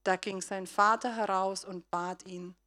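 A woman preaching a sermon in a voice of middling pitch. She retells a story and speaks straight to her listeners. Her loudness rises and falls between soft asides and strong appeals. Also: steady tone, a little slow.

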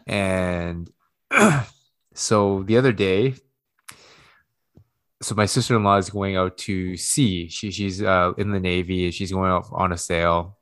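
Man, low-pitched, casual podcast co-host; loose rambling storyteller who swears freely. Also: fairly even intonation, slow pace, a bit bright.

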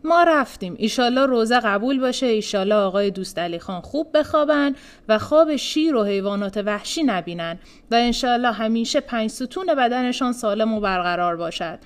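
A woman's voice: fairly high pitch, expressive, natural voice. A woman reading the part of a mocking, playful older prince in a storybook reading. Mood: teasing. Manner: teasing, then shouting. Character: sly, mocking older prince who loves jokes.

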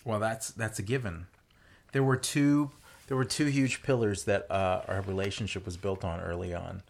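A man's voice: on the low side, fairly even intonation, moderate pace, gravelly. A young man co-hosting a podcast with his partner, teasing her with dry banter. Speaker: podcast co-host. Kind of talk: casual couple chat.

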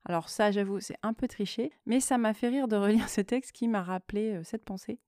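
A woman hosting a podcast, reading her own creative writing and commenting on it in a soft, partly whispered way, with hesitant conversational asides. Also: mid-range voice, a little fast, no room sound, studio quality. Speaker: podcast host and author.

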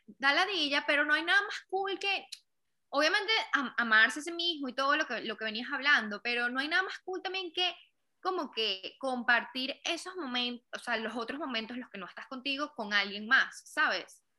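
A Venezuelan woman with a high, bright voice tells her stories with animated energy. She slips into playful imitations of other people as she chats. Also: normal speed. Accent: Venezuelan Spanish. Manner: animated storyteller, acts out quoted voices. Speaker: podcast co-host. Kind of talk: casual chat.

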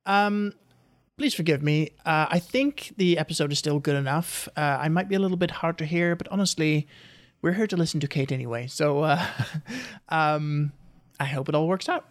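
A woman's voice: low-pitched, lively intonation, moderate pace. A woman co-hosting a podcast in casual chat, hesitant with many fillers, recorded echoey and far from the wrong microphone. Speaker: podcast co-host. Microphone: wrong microphone, speaker far from it.

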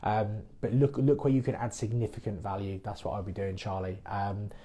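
A Midlands-based mortgage broker hosts a casual podcast, answering listeners' mortgage questions in a chatty, plain-spoken way. His warm voice is on the low side, with flat delivery and a slightly fast pace.

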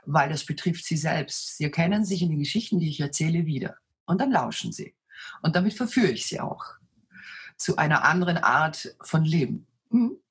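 A woman with a deep, low, husky voice, speaking with self-assurance as a coach answering interview questions. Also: lively intonation, normal speed. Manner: self-assured, dominant presence. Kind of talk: conversational interview answers, storytelling.

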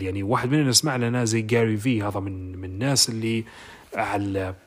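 A man's voice: medium pitch, husky. A man with a Libyan Arabic accent giving a casual motivational monologue, explaining through everyday examples. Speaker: motivational talker.

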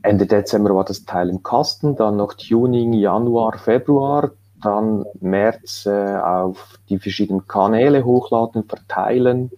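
Male author, low mellow tone, rambling interview guest with lots of fillers. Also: measured pace, lo-fi sound. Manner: rambling, with many fillers and restarts. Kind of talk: casual conversational interview.

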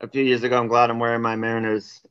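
A man's voice: mid-range voice, completely flat delivery, very fast, fairly bright tone, clean tone. A man co-hosting a casual podcast, talking loosely and rambling. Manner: loose, rambling, with restarts and laughs. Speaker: podcast co-host. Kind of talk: casual chat. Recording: dull lo-fi sound.

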